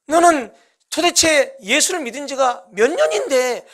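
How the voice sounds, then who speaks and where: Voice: sits high, sing-song, measured pace, fairly bright tone, voice pushed up, full character voice. A preacher voicing a sneering Satan who taunts a churchgoer in a sermon. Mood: mocking. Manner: mocking, taunting.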